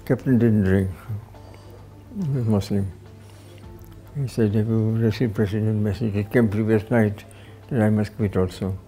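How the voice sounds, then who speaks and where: Very dark-voiced old man telling a story. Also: fairly low pitch, fairly even intonation, moderate pace, soft background music, low-quality recording. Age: older. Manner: anecdotal, acts out quoted dialogue. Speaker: interviewee. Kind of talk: storytelling interview. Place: indoor office with bookshelves.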